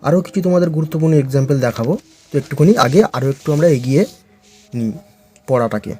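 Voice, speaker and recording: A male teacher slowly drilling English letter sounds for beginners, his first language Bengali. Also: mid-range voice, a little mellow, soft background music. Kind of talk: phonics lesson for beginners.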